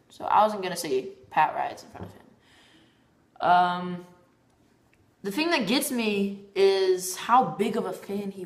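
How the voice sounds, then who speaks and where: A woman's voice: mid-range voice, echoey room. A woman vlogging in a casual, rambling monologue, often stumbling and repeating her words.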